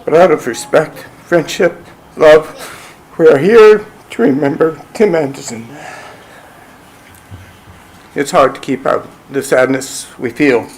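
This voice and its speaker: A middle-aged man, speaking at a measured pace as he gives a reflective eulogy for a friend at a funeral. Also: fairly high pitch, rough recording. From Canada. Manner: slow, measured, warmly reflective. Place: funeral service venue.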